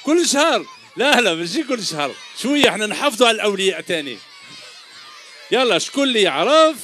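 A children's entertainer, middle-aged and speaking with an Algerian Arabic accent, rattles off teasing quiz questions to a huge young audience at an outdoor show, calling them "my dears" in a joking way over a handheld mic. He talks fast in a very animated, high-pitched voice that sounds pushed and bright, with slight background noise.

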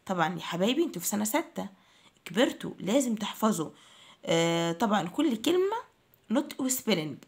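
A woman with an Egyptian Arabic accent teaching English words to children, slowly repeating each word and spelling it out letter by letter. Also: medium pitch.

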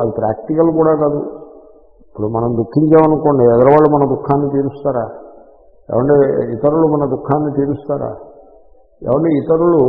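A man, a swami, giving a scripture discourse. He asks questions and answers them himself, slows down for Sanskrit phrases, and lets his voice fall soft at the ends of phrases. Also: fairly high pitch. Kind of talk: Vedanta discourse. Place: ashram hall. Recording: echoey hall, tinny lo-fi sound.

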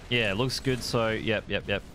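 A man's voice: on the low side, steady tone, moderate pace, sharp tone, a little hiss or hum. A young adult man, chatting casually on a gaming live stream, rambling laid-back and swearing at the game.

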